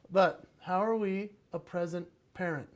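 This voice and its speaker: A man giving a playful, animated motivational talk on parenting at a conference, acting out little voices as he goes. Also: high-pitched. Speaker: keynote speaker on parenting.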